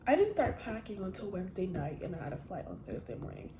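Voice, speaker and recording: A woman's voice: mid-range voice, sing-song, fast talker, mellow, echoey room, slight background noise. A teenage girl chatting casually to the camera, telling a rambling personal story with many restarts. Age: teens. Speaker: vlogger. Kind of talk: casual chat.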